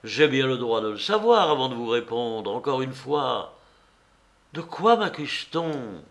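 A man voicing a proud, evasive gentleman under arrest who speaks with restrained anger. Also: medium pitch, very animated, a little slow. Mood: defiant.

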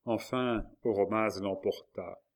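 A man narrating a historical novel in a measured, dramatic reading. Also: on the low side, steady tone. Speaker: audiobook reader.

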